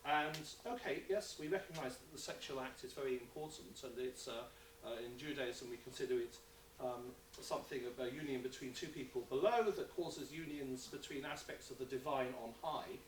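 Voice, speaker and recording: A man's voice: medium pitch, a little fast. Distant thoughtful male panelist. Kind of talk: panel discussion. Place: university lecture hall. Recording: echoey hall, distant mic, noticeable noise.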